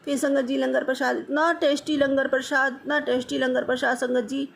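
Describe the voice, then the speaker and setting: A woman's voice: high-pitched, flat delivery, brisk, vocal fry, a little hiss or hum. A middle-aged woman telling of her temple visit as a devotional testimony, often calling out to the listeners and repeating her thanks. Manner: repeatedly addresses the listeners as "sangat ji"; repeats words of thanks over and over. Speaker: devotee sharing a satsang experience. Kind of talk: devotional testimony, casual storytelling.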